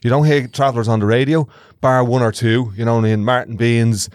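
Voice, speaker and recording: A man's voice: medium pitch, steady tone, a little fast, no room sound, studio quality. An Irish-accented man talking casually and reflectively as co-host of a podcast.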